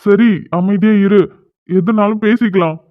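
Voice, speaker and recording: A performer voicing a calm young policeman friend in a cartoon who tries to settle the quarrel in a steady, placating way. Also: mid-range voice, unhurried, no room sound, natural voice. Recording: tinny phone-like sound.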